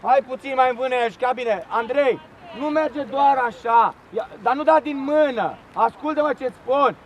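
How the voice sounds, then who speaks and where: Give me a high-pitched man coach shouting orders. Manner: commanding, repeats players' names and orders. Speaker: youth football coach. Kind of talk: shouted touchline instructions. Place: outdoor football pitch during a match. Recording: noisy outdoor pitch recording.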